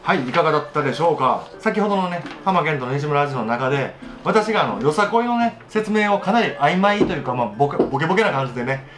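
A man's voice: a little high, expressive, quick pace, hardly any pauses, fairly bright tone, slight background noise. Chatty man with a Tosa accent. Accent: Tosa dialect of Kochi. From Kochi, Japan. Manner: chatty and self-mocking, demonstrating dialect phrases. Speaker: radio show host, voice actor. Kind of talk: casual solo radio talk.

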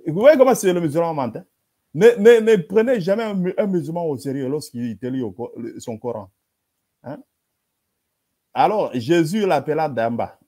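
Guy hosting a rant over verses, keeps repeating himself, warm low-key tone. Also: slightly rough. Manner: emphatic, repetitive, with dismissive "bla bla". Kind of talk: polemical commentary reading translations.

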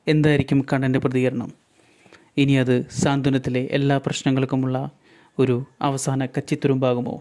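A man's voice: medium pitch, flat delivery, normal speed, darkish tone. A man narrating a retelling of a TV serial episode in a dramatic storytelling manner.

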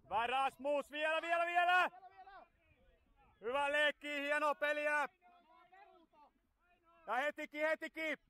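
High-pitched, bright-voiced man shouting from the sidelines. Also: fairly even intonation. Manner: loud, rapid encouragement and instructions. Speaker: youth football coach. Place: outdoor football pitch.

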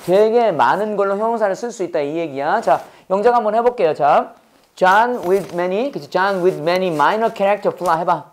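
Here an English teacher with a high-sitting voice takes an unhurried pace. He keeps quizzing the class with call-and-response questions and exaggerates how words sound.

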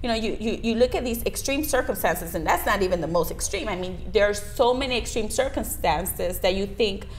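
Seated at a desk in a compact video studio, this Miami woman, a lawyer, gives conversational answers as an interview guest. She speaks briskly with few pauses at a medium pitch, picked up by a lapel mic in a noisy studio recording.

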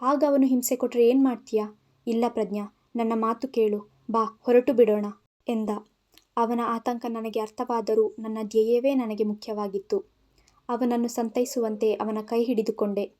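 A woman with a Kannada accent tells a romantic story aloud. Her voice sits a little high but sounds warm and mellow, and she gives both the man's and the woman's lines in her own voice. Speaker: narrator. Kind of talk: expressive audiobook storytelling.

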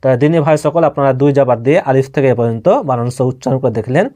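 A man teaching Quran letter reading in a slow step-by-step lesson, patiently repeating each syllable for learners to follow. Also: mid-range voice, dark tone. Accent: Bangladeshi Bengali.

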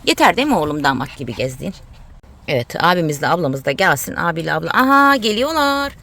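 A mother vlogging casually, coaxing and calling to her dog in a high sing-song voice. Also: animated, fast talker, vocal fry, a bit bright. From Turkey. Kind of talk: casual family vlog.

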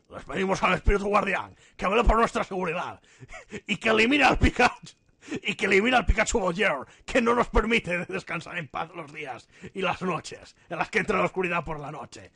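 A man's voice: high-pitched, animated, normal speed, gravelly, sharp tone, husky, dry recording, clean studio sound, full character voice. A man voicing a solemn island elder who proclaims in a pompous, ceremonial tone.

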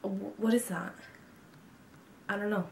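Here the vlogger, twenty-two, sounds mid-range, level and a little slow, with a creaky voice. She talks candidly about herself for a casual get-to-know-me video, saying um and like often, in a small bedroom where the sound is roomy and a faint hiss or hum lingers.

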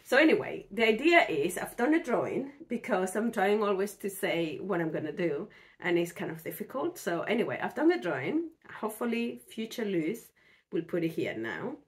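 A woman sewing vlogger, hoarse from a cold, chatting casually about her projects in a rambling way with fillers and restarts. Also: medium pitch, big pitch swings, normal speed. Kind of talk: casual chat.

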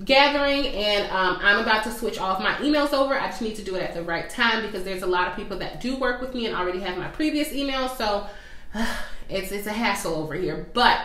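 A woman's voice: mid-range voice, lively intonation, fast talker, few pauses, bright, forceful tone, reverberant. A young woman who owns a small business, talking casually and directly to her viewers in a friendly, chatty way with plenty of fillers. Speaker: small business owner and coach. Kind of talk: casual vlog talk to viewers.

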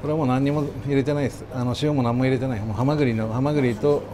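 A man with a mid-pitched voice talks quickly as a working chef, chatting politely with customers and instructing staff. He explains things in an exacting way, with clear restaurant noise behind him. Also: fairly even intonation. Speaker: sushi chef and restaurant owner. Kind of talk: casual polite talk with customers and staff at work.

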